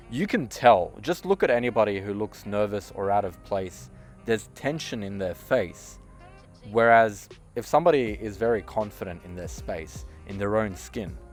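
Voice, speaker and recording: Emphatic low-voiced male coach. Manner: emphatic, deliberate, with strong swings in loudness; flat, downward-ending sentence endings. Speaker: communication coach and podcast host. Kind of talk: direct-to-camera motivational monologue.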